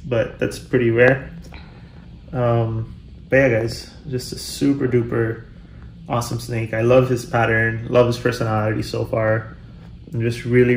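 Young man, reptile vlogger, eager casual talk, flat pitch, echoey home room. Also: a little hiss or hum. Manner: enthusiastic, many fillers and repeats. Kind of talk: casual vlog.

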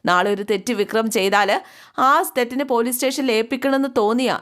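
A woman's voice: on the high side, fast talker, clear, resonant tone, close to an everyday voice. A woman reading the lines of a firm, determined young wife who stands up to her father-in-law. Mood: resolute. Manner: firm, resolute.

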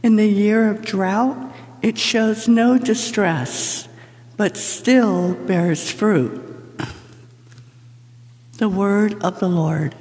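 A woman reads scripture at a lectern, slow and unhurried in a solemn, measured way. Her voice is mellow and soft-edged, and the long reverb of a big church hangs after every phrase. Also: medium pitch. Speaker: lector. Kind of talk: liturgical scripture reading. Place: large church sanctuary. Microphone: lectern microphone from a far camera.

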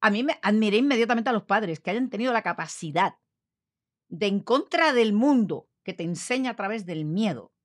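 Host type, woman storyteller, animated and expressive, bit of a cough, dry close sound. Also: mid-range voice, moderate pace, no echo. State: slight allergic cough. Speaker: podcast host. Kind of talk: conversational storytelling.

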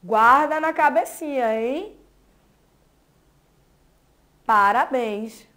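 Slow, patient woman teaching young children. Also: high-pitched, pushed and bright. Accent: Brazilian Portuguese. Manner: slow, syllable-by-syllable sounding out with praise. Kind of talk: early literacy lesson for young children.

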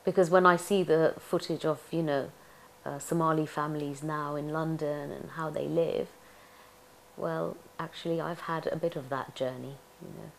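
A woman's voice: low-pitched, steady tone, normal speed, gravelly, slight background noise. A middle-aged woman from Tanzania, an actress, reminiscing in an oral history interview, chatty and reflective with frequent laughs.

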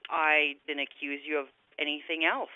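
A woman's voice: deep voice, little pitch movement, moderate pace, pushed and bright, no room sound. A woman heard on a speakerphone during a phone call, her voice thin and tinny as if squeezed through a handset. She stammers now and then, doubling her first word before getting it out, and the sound is dry and close. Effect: heard over a speakerphone on a phone line. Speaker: hotel front desk clerk.

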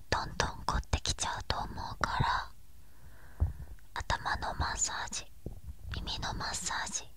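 Breathy, slow whispering young woman. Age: young adult. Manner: gentle, slow, reassuring close-up murmuring. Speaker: ASMR host. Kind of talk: whispered ASMR, soothing personal address. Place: small bedroom, lying on a bed. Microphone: binaural ear microphone, held right at the mouth.

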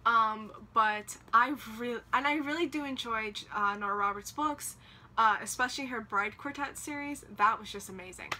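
Talking at normal speed in a slightly high, pushed and bright voice, a young book vlogger chats to camera about her reading plans. She rambles with lots of fillers, filmed in a small room near her bookshelves.

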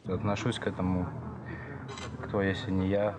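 Very low-voiced, halting young man. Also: completely flat delivery. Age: young adult. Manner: hesitant, halting. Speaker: soldier being interviewed. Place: open dig site, outdoors. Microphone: handheld reporter's mic. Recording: noisy outdoor field recording.

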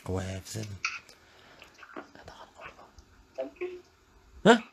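A man with a Moroccan Arabic accent, mocking and insulting strangers in crude, rapid-fire comic banter. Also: fairly low pitch, huge pitch swings, gravelly, background noise. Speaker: online prank streamer.

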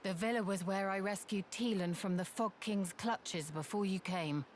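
Acting a video game cutscene, a woman plays a stern, proud winged warrior, speaking in a grave, commanding and resolute manner. Her natural, mid-range voice moves at normal speed, with slight background noise.

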